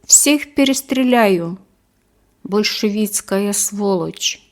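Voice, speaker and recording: A woman's voice: mid-range voice, lively intonation. Woman doing a drunk, barking prison sergeant. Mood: menacing. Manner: slow, drawn-out barking delivery. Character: drunk brutish male prison sergeant, shouting threats.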